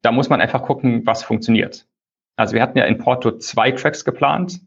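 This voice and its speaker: Guy on a crappy lo-fi phone call, kinda husky, just chatting through it with lots of ums. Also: fairly quick. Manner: explains at length with fillers, loose and conversational. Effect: low-quality phone call recording. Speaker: conference lead organizer, interview guest. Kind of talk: casual phone interview. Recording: dull lo-fi phone call audio.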